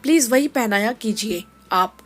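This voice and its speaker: A woman voicing a young working mother, a quick-tempered daughter-in-law who scolds in a sharp, clipped way in a storybook tale. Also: a little high, expressive, faint music behind. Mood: sharp, annoyed.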